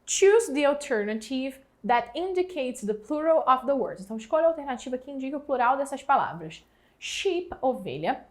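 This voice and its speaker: Lively, high-voiced Brazilian woman teaching. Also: moderate pace. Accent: Brazilian Portuguese. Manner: lively, explanatory, stretches out example words. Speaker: English teacher. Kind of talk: exam prep lesson.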